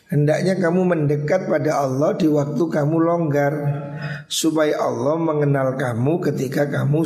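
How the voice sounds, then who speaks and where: A man's voice: fairly high pitch, vocal fry, darkish tone. A man with a Javanese accent, an Islamic cleric giving a religious study lecture, translating Arabic phrase by phrase and asking emphatic rhetorical questions. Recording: roomy echoey hall.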